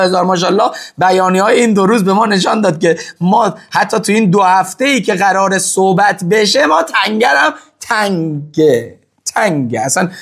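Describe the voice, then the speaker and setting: A man giving impassioned talk to an audience, answering their questions, repeating phrases for stress and swinging between loud emphasis and hushed asides. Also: sits high. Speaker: religious-political speaker answering audience questions.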